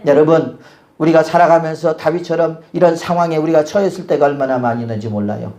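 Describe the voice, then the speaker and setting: High gravelly voice of a preaching man. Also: quick pace, a little mellow. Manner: asks the congregation rhetorical questions again and again. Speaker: pastor. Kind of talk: sermon.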